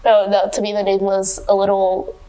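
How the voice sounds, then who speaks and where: A young woman from Venezuela hosts a podcast and keeps the chat loose and joking. She laughs often between her questions, with a voice of ordinary pitch for a woman. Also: monotone, moderate pace, dark tone, low-quality recording. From Venezuela, raised in the United States. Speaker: podcast host. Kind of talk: casual interview chat. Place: podcast recording in Miami.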